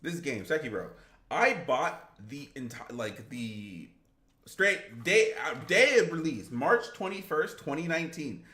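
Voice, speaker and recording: A man's voice: mid-range voice, bright, forceful tone. A man streaming games who chats casually, rambles and reads his viewers' comments aloud. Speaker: gaming streamer. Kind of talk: casual live-stream chat. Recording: roomy echo.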